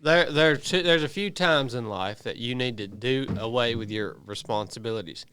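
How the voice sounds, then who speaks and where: A podcast co-host in his thirties argues his point emphatically, defending his views at length in casual group chat. His medium-pitched voice is smooth and fairly bright, at a moderate pace, captured on a studio podcast mic.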